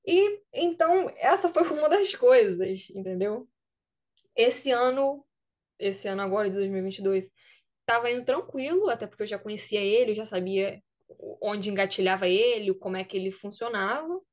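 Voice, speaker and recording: A young woman from Brazil, a student athlete, recounting a story in a casual interview with lively quoted dialogue. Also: mid-range voice, moderate pace.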